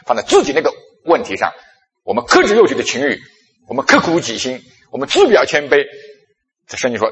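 Husky animated male preacher in echoey hall. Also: medium pitch. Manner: animated storytelling, acting out his own past self. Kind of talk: sermon with personal stories. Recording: long echo of a large hall.

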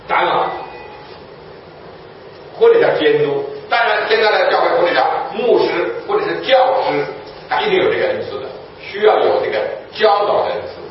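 High-voiced man preaching in an echoey hall. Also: moderate pace, a little hiss or hum. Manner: asks rhetorical questions and answers them. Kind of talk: sermon teaching. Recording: echoey room from far off, dull lo-fi.

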